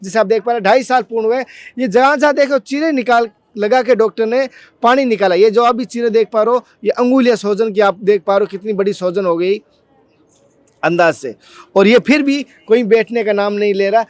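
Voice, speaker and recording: A man with a high, light voice hosts a devotional vlog. He speaks earnestly and fervently and keeps circling back to the same points. The sound is close and dry, with no room echo. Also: fairly quick. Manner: fervent, repetitive, addresses viewers as friends. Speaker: devotional vlogger and interviewer.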